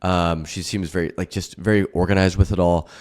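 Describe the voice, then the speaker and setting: Very low-voiced casual man. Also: level tone, brisk, darkish tone. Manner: casual, filler-heavy. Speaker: financial advisor host. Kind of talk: reaction video commentary.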